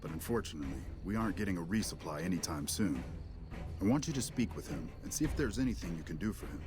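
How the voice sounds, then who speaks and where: A video game army commander with a slightly low voice. He is businesslike but burdened, a beleaguered officer giving orders, with music underneath. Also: animated, fast talker. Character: beleaguered military camp commander, businesslike adult man. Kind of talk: video game character dialogue.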